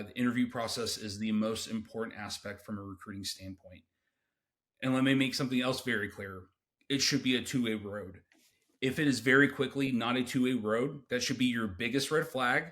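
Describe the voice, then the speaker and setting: A man's voice: mid-range voice, fairly bright tone. A man speaking as a recruiter in an interview, giving direct, emphatic and instructive advice. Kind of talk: interview advice, explanatory talk.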